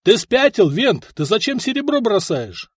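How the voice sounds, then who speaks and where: A man's voice: high voice, big pitch swings, unhurried, husky, no room sound, studio quality, voice pushed up, exaggerated voice. A man voicing a burly red-faced duke with a brutish temper, bellowing threats in a storybook reading. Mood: furious.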